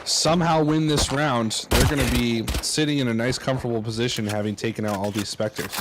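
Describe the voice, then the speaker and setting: Man, esports co-caster, excitable play-by-play, mid-pitched, audible background noise. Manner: excitable, quick hype calls. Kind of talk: play-by-play commentary.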